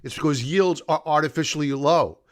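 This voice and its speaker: With a fairly high pitch and a fairly quick delivery, a middle-aged man hosts a live market stream. He gives unscripted analysis, chatting with his audience and explaining in a loose, stop-and-start style.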